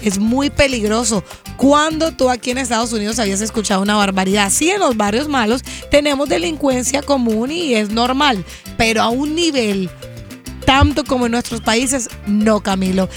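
A woman from Colombia, co-hosting a radio morning show in a lively conversational way. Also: on the high side, moderate pace, faint music behind. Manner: lively, conversational, gossipy asides. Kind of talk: chatty radio banter.

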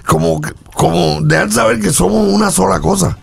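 A man talks as a musician guest on a radio interview. His voice is very gravelly and husky and sits fairly high. He explains his ideas in an unhurried, easygoing way. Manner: relaxed, explanatory.

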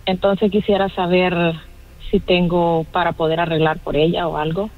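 A woman's voice: on the low side, little pitch movement, moderate pace. A woman calling in to a radio show, asking her question in a direct, matter-of-fact way. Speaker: caller. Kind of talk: phone-in call. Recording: muffled phone line.

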